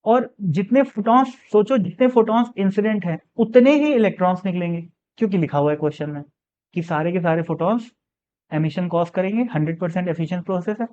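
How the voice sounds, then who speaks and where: A man teaches a physics exam problem step by step, slowly reading the question and then explaining it in a casual manner, regularly asking and answering his own questions. He has a high voice with a darkish tone; the highs are cut off and there is slight background noise.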